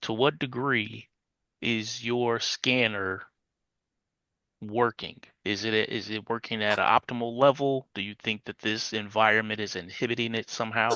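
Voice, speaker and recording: Inquisitive man, bright tone, lowish, dry muffled sound. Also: steady tone, moderate pace, no room sound. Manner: inquisitive, asking detailed questions. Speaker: tabletop player.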